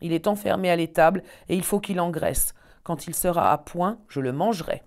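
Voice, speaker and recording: A woman's voice: fairly low pitch, moderate pace, a little mellow, close to an everyday voice. A woman playing a wicked old witch. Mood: commanding. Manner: wheedling, then barking orders. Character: wicked old witch who eats children.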